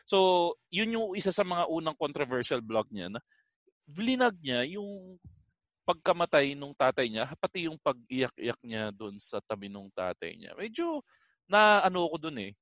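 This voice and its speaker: Animated man, high lively voice. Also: measured pace, no room sound, dull audio. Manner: animated, joking, swears casually. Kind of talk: casual chat.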